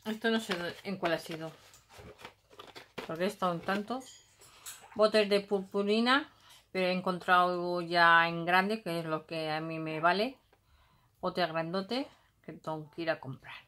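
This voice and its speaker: This middle-aged woman from Spain speaks in a low-ish, fairly bright voice, unhurried and pausing often, with a Basque Country accent. Unpacking a craft haul at a table at home, she chats casually, thinks aloud and hums filler sounds.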